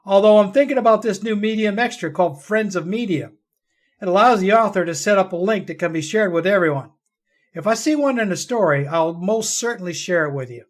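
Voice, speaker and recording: A man's voice: high voice, fairly quick. A man hosting a story podcast and reading short fiction aloud as a storyteller. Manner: storyteller's delivery.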